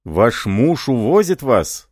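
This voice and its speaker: A man's voice: mid-range voice, sing-song, takes it slowly, no room sound, studio quality, pitched above the performer's own voice. A man playing an ardent, devoted young French lieutenant who speaks fervently and pleadingly.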